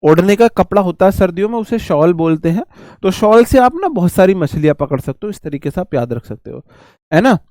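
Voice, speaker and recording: In a dry recording, a man with a high-pitched, darkish voice and lively intonation moves briskly through vocabulary for an online exam-prep course. Calling viewers his brother, he explains words with homely examples in a chatty, repetitive style.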